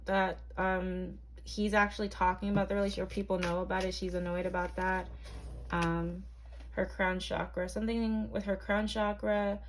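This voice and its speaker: A woman's voice: medium pitch, slight background noise. A young woman from Barbados, reading tarot cards to camera in a chatty, hesitant way full of ums and likes. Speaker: tarot reader.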